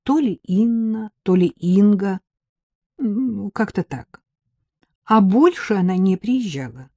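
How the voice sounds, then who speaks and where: A woman's voice: medium pitch, animated, mellow, no echo. Woman reading a hesitant older mother. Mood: unsure. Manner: hesitant, slow and unsure.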